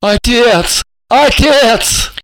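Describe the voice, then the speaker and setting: A male reader voicing a quick-tempered young stepson who snaps his questions. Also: high-pitched, expressive. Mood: exasperated. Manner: exasperated, shouting questions. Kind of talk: audiobook character voicing.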